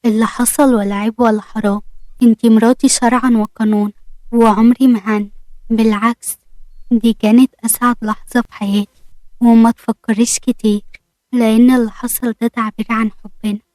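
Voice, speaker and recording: An eager young Egyptian husband, pleading and affectionate in a warm storybook reading, as a woman reads him out. The voice sits fairly high for a man and the sound is close and dry. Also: level tone, fairly quick, dry recording, lightly acted, rough recording. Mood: tender.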